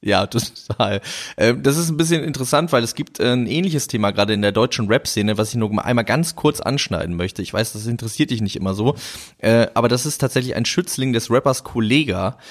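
A man co-hosting a casual chat, relaxed and hesitant, with many fillers. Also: mid-range voice, a little fast. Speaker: podcast co-host.

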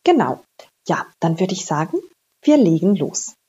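A woman's voice: lowish voice, sing-song, measured pace, dark tone, breathy edge, dull audio. A woman giving informal instruction on a breathing exercise, explaining in a personal way and addressing the listener directly.

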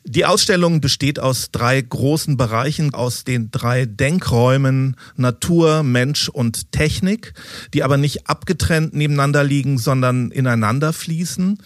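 A man's voice: mid-range voice, a little slow, dry recording, studio quality. A man hosting a podcast interview, asking prepared questions in a composed, scripted way.

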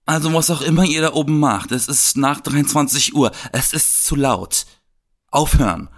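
A man's voice: on the high side, moderate pace, lightly acted. A man imitating his annoying male downstairs neighbor, who speaks curtly and commandingly. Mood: bossy. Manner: commanding, curt.

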